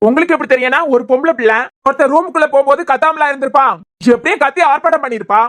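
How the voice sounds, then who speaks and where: Speaking very fast in a high, slightly bright voice, a woman plays a sly young man from a cartoon serial with a Kanyakumari Tamil accent. The character is shrewd and sarcastic, poking at his family with pointed questions.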